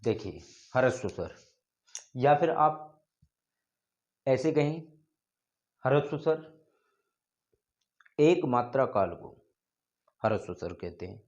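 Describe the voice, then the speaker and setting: Brief: male teacher, exam coaching lesson, slow and repetitive, mid-pitched, slightly dull lo-fi recording. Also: expressive, a little mellow. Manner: slow, repetitive explaining, drawing out called-out names. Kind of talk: exam-prep grammar lesson.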